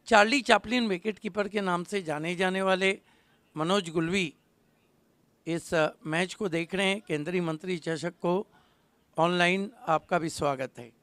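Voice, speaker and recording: A male commentator calls a live tennis-ball cricket match with quick wit, rising to loud calls on big moments. His voice sits high and bright with a smooth, crisp tone, recorded close and dry. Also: dry recording.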